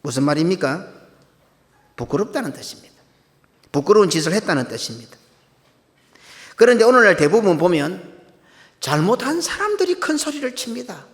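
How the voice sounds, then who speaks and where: A man's voice: sits high, sing-song, moderate pace, long pauses. A middle-aged male senior pastor, preaching a sermon with emphatic rhetorical questions to the congregation. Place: church sanctuary. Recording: long church hall reverb.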